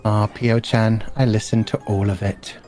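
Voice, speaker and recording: A man's voice: lowish voice, level tone, unhurried, darkish tone, soft background music. A man joining a friend's stream as a guest, chatting casually in a playful, teasing, joking way.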